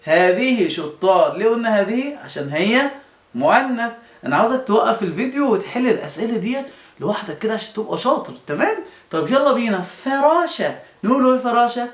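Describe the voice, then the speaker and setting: A man's voice: extremely high pitch, very animated, fast talker. A man with an Egyptian accent teaching young children, coaxing them with repeated questions and answers. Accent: Egyptian Arabic. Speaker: primary school teacher. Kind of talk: children's lesson. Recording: roomy echo.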